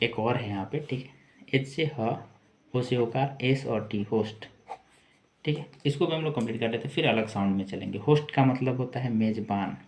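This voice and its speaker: A man teaching English spelling and pronunciation, spelling out letters one by one and repeating each word slowly. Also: mid-range voice. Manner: slow, repeats words, spells letters aloud. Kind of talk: spoken spelling lesson.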